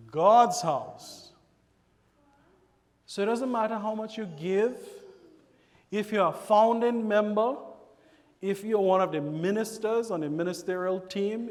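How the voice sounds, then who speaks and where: A Trinidadian man preaches a sermon in a church sanctuary, his voice pitched high for a man. He is animated and slips into quoted voices of congregation members, while the hall gives the sound a long echo.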